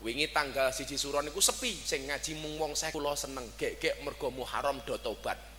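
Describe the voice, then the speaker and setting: A middle-aged man with a Javanese accent preaching a sermon in an animated storytelling way, swinging between loud and soft. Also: mid-range voice, fairly quick, soft background music. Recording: reverberant hall, faint background noise.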